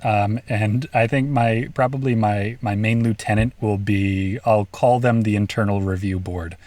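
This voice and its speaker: A man's voice: fairly low pitch, fairly even intonation, a little slow, darkish tone, dry recording. A man co-hosting a podcast in casual chat, joking in a dry, mock-serious way. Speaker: podcast co-host.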